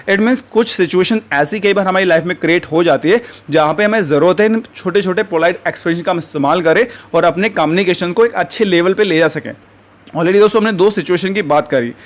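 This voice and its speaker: तेज़ बोलने वाला पुरुष अंग्रेज़ी शिक्षक. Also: male voice, sits high. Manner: addresses viewers as friends, slows right down for the example sentences. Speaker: English teacher. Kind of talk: spoken English lesson.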